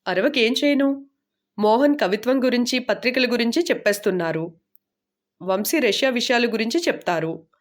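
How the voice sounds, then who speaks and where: A woman's voice: on the high side, animated, normal speed, natural voice. A woman reading the part of a joking young man who sells tires, teasing his friends in an easy, clowning way. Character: joking young male tire merchant, class clown.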